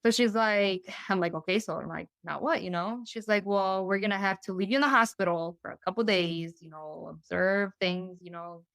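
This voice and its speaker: A woman's voice: medium pitch, moderate pace, creaky, hardly any pauses, fairly bright tone, smooth, dry recording. A young woman telling her story as a guest, casual and chatty, full of "you know" and "like", acting out what others said. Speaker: interview guest.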